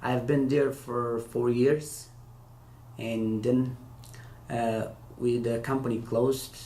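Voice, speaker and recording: In an echoey room with faint hiss, an Afghan former interpreter answers interview questions in a casual way. His voice is warm and medium-pitched, delivered flatly. His non-native English is hesitant and halting, with many restarts.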